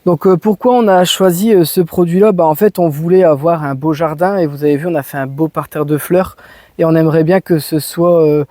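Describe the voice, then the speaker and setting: A man's voice: a little high, fairly even intonation, a little fast, warm tone, no room sound. A man from France giving a casual, enthusiastic product demo in his garden, full of slang. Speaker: home and garden vlogger. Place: outdoors in a garden.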